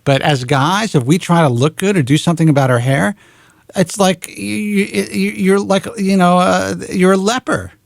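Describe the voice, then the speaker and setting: A man's voice: high-pitched, moderate pace, vocal fry, no echo, studio quality. A man in his forties hosting a radio talk show, talking frankly and bluntly and swearing casually. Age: 40s.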